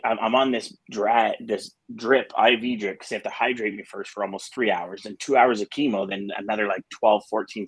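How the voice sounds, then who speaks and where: A man's voice: fairly low pitch, fairly bright tone, husky. A middle-aged man hosting a casual morning show, talking in a rambling way with restarts and fillers. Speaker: host.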